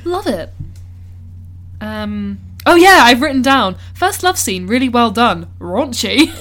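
A woman's voice: a little high, very animated, slow pace, long pauses, fairly bright tone. Chatty woman podcast co-host. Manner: chatty, peppered with "like", acts out characters' lines. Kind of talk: casual film-review chat.

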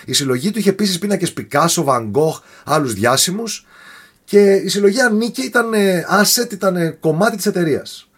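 A man telling a story in a casual podcast chat, animated and often tripping over foreign names. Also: sits high, husky.

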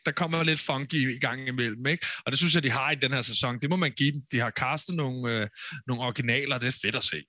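A man co-hosting a casual podcast chat, animated and emphatic, raising his voice when he rants. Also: mid-range voice, dry recording. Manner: animated, gets loud and emphatic when ranting. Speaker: podcast co-host, former reality show contestant.

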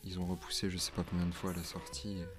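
A man's voice: deep voice, monotone, quick pace. A young man chatting about music, hesitant and stumbling over his words. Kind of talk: casual chat about music.

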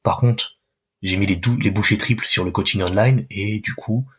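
A man's voice: lowish voice, fairly even intonation, normal speed, breathy edge. A man working as a fitness coach, talking casually in an interview, loose and chatty with many restarts.

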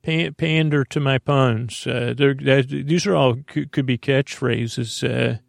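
This is the rambling, unscripted opening of a bedtime sleep podcast, voiced by a man whose gravelly, creaky tone sits at a middling pitch with fairly even intonation. Captured close and dry, he keeps stopping, starting again and wandering off into gently silly, whimsical asides.

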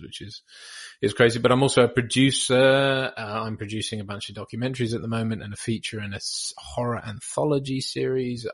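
A man's voice: mid-range voice, no echo. A man in his thirties from the Bahamas, a podcast guest chatting casually and rambling with many restarts and self-mocking asides. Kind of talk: casual chat.

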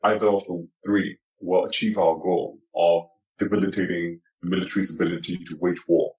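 A man speaking through a voice-altering effect that disguises him, answering interview questions in a measured, explanatory way. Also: flat delivery, a little mellow, poor audio. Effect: voice altered to disguise identity, pitched down. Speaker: activist interviewee.

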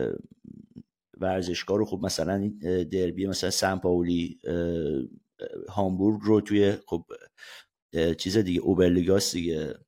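A man's voice: low-pitched, a little mellow. A man from Iran, a sports journalist guest, chatting casually on a podcast and often laughing as he tells stories.

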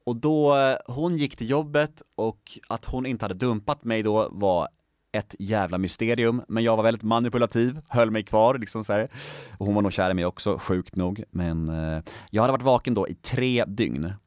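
A young man tells his story in a relaxed, lively way. He acts out the voices he quotes and swears casually. His voice sits fairly low and sounds dry and close. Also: dry recording. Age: young adult. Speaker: guest.

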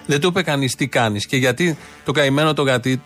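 A man's voice: fairly high pitch, a bit bright, soft background music. Sarcastic man hosting a commentary show. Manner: mocking, ironic. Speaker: radio show host. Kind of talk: sarcastic commentary on news clips.

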